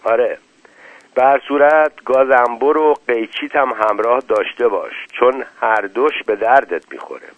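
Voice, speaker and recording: A man's voice: medium pitch, dry recording, natural voice. Man voicing a sneering gambling boss, curt orders, tinny dry line. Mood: mocking. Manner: taunting, curt commands. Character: tough mocking male gambler ringleader.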